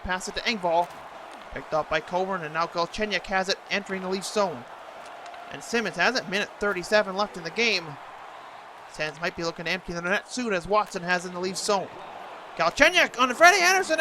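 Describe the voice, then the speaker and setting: A man doing an announcer-style play-by-play commentary of a hockey video game, excitable on big plays. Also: sits high, background noise.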